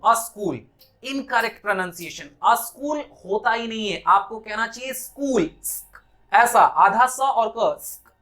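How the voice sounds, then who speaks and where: Bihari-accented male teacher, high voice. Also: bright, forceful tone. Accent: Bihari Hindi. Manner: patient and explanatory, stretches out words to demonstrate sounds; slips into slow, deliberate English phrases. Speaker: spoken English teacher. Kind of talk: classroom lesson.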